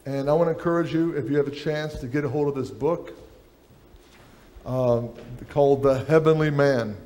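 A man's voice: mid-range voice, moderate pace, dark tone. Man preaching at a church lectern. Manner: preaching while reading aloud from a book. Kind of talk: sermon with book reading. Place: church sanctuary stage.

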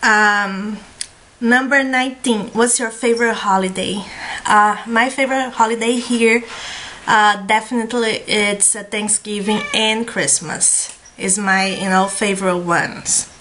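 Talking to her desk webcam from a small room at home, this woman in her thirties, a beauty vlogger with a Brazilian Portuguese accent, keeps things casual and full of fillers. Her mid-range voice is bright and forceful, with a steady tone and a measured pace.

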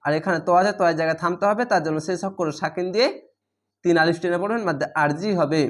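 A man teaching recitation who spells each word letter by letter, then chants it slowly and draws it out. He states the reading rules briskly and often repeats them. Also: a little high.

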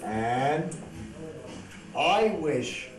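A man's voice: fairly high pitch, big pitch swings, drawn-out words. A middle-aged man, a father at his birthday party, joking, teasing and giving a toast, heard on an old VHS camcorder home video. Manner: jokey, teasing, laughs often. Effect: old VHS camcorder home video sound. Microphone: camcorder built-in mic at a distance. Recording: echoey room, camcorder mic far off, loud music.

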